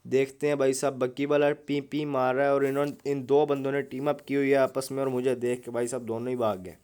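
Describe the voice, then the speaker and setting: A man's voice: medium pitch, flat delivery, fairly quick, a little mellow, clear, resonant tone. Chatty young man joking through gameplay. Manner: joking, chatty, keeps saying "bhai sahab". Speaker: gaming YouTuber. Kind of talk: casual gameplay commentary.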